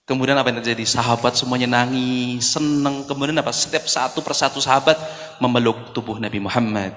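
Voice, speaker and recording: A man preaching a story-driven sermon. He talks in an animated way and keeps asking the crowd rhetorical questions. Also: mid-range voice, brisk, a little hiss or hum. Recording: long hall reverb.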